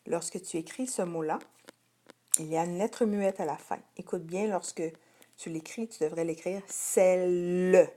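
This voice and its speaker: A woman teacher with a Québécois French accent giving a slow spelling dictation to young children, patient and over-articulated, lingering on each word. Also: fairly low pitch, mellow.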